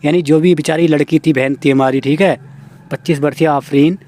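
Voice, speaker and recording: A young man with a slightly high but flat, monotone voice talks to exam aspirants, earnest and pleading. His tone is dark and mellow, and the recording is close and dry with no room sound. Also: a little fast, dry recording. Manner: earnest, pleading, repeats "है ना" and "साथियों". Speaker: exam-prep YouTuber addressing aspirants. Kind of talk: casual talk reading out a news report.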